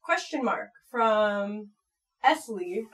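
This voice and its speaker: This casual vlog chat features an American woman in her twenties, a channel performer reading viewer comments from a computer desk in a small room at home. She talks playfully, frankly and a bit crudely, with a medium-pitched, expressive, extremely slow voice that's a bit bright. The recording is rough.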